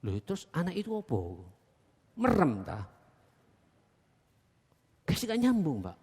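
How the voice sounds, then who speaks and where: An East Javanese man preaching in an earnest voice, fairly high-pitched and mellow. He shifts from forceful exhortation to quiet asides and keeps calling out to his listeners. The sound carries a long reverb from a large mosque hall. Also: huge pitch swings, a little slow, a little hiss or hum. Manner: earnest, repeatedly addresses the congregation as "Pak"; swings between loud emphatic exhortation and low quiet asides. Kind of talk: sermon.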